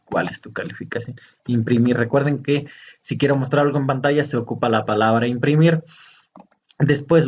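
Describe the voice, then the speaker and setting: Guy teaching coding off a screen recording, slow and kinda hesitant, muffled mic, bit of hiss. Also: mid-range voice, darkish tone. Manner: slow, hesitant, pointing out steps. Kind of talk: screen-recorded programming lesson.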